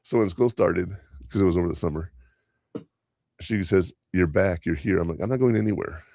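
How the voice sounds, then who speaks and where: A school teacher whose first language is Spanish hosts an easygoing podcast in a deep, gravelly, warm voice. He goes a little fast, drifting from one work anecdote to the next with frequent chuckles. The sound is close and dry, lacking any room reverb.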